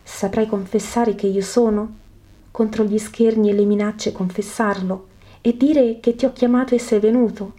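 A soft, patient holy teacher, as a woman reads him. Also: medium pitch, fairly even intonation, normal speed, lightly acted. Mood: gentle, solemn. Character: gentle male teacher, calm and patient. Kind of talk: scripted reading of a religious narrative.

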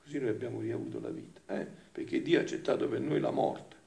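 A man preaching a homily in a gravelly voice, in an echoey church room. He keeps asking rhetorical questions and moves between hushed asides and loud, emphatic passages. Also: mid-range voice, quick pace. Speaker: friar preacher. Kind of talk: sermon.

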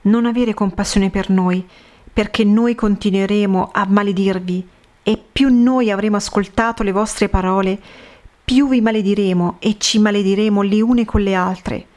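A woman voicing a young damned female soul, bitter and tormented, in a slow, solemn reading of a religious vision story. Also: medium pitch, darkish tone, natural voice. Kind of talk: scripted narration of a religious vision.

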